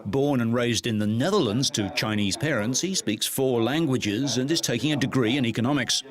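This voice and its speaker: A man reading scripted motorsport news narration in a measured, even delivery. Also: medium pitch, crowd noise. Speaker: news presenter.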